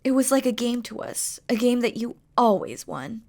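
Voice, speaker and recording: This demon queen, played by a woman with a fairly high, animated voice of dark tone, dotes on her listener in an intimate romantic roleplay. Her moderate-paced speech is regal and formal yet teasing and tender, carrying fondness and pride.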